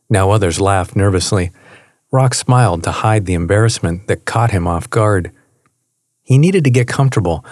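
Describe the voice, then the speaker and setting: A man narrating an audiobook in a steady, unhurried reading voice. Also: fairly low pitch, no echo, studio quality. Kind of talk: scripted narration.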